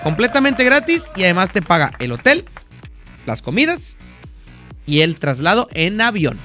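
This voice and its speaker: A man's voice: high-pitched, huge pitch swings, moderate pace, bright, forceful tone, soft background music. A man doing promotional chat as a radio presenter.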